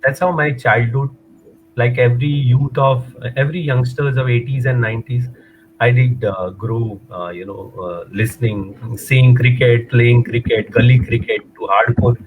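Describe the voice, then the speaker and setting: Over a video call with phone-quality sound and slight hiss or hum, a runner and motivator from Mumbai, in his forties, talks as an interview guest in Indian English mixed with Hindi. His mid-range voice keeps a steady tone at normal speed, though he hesitates, rambles and fills gaps with fillers.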